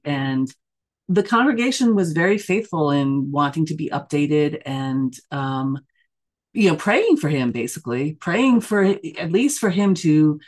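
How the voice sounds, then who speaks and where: A middle-aged woman from the United States, talking through an interview in a thoughtful way, full of fillers and self-corrections. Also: low voice. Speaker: church member and news editor being interviewed. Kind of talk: casual conversational interview.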